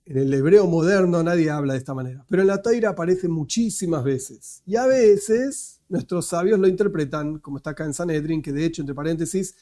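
A man's voice: on the high side, dark tone. A man with an Argentine Spanish accent giving a religious lecture with slides, methodical and explanatory, often correcting himself aloud. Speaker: religious teacher.

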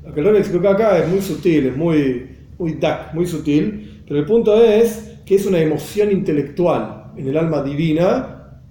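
High-voiced man teaching a class. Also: expressive, normal speed, warm tone, reverberant, a little hiss or hum. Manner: explanatory, repeats phrases, mixes in Hebrew and Yiddish terms. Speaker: Torah teacher.

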